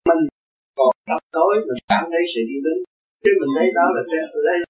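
A man's voice: a little high, fast talker. Man giving a buddhist dharma talk, earnest, dull lo-fi sound, faint music behind. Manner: earnest, repeating questions like "see?". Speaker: Buddhist teacher. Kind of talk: dharma talk answering a listener.

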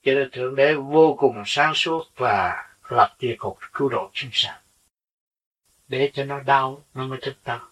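A man's voice: mid-range voice, measured pace, fairly bright tone. A man giving an earnest spiritual sermon, teaching with rhetorical questions. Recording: dull lo-fi recording from a distance.

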